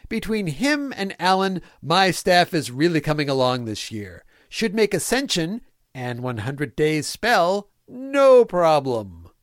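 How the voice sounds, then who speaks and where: A man's voice: a little high, sing-song, slow pace, no room sound, studio quality. A man voicing a folksy, fatherly villain mayor who dictates his diary in clipped, prim phrases for a comic reading. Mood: brisk, upbeat. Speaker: reader of a fan fiction comedy podcast.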